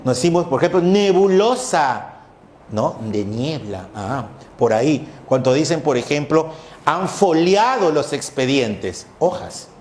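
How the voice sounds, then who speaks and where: A man's voice: a little high, lively intonation, a little slow, reverberant, a little hiss or hum. A male teacher giving a lecture on language history, explaining patiently and often checking with "¿no es cierto?". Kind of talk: classroom lecture.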